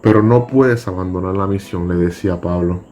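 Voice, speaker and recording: A man teaching a Bible school class, reading scripture verses aloud and explaining them in a deliberate, measured way. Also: low voice, a little mellow, faint music behind. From Puerto Rico.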